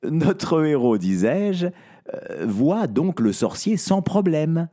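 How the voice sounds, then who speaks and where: A man's voice: fairly high pitch, sing-song, slow, dark tone. A man telling a story aloud to a child, playful, with conversational asides.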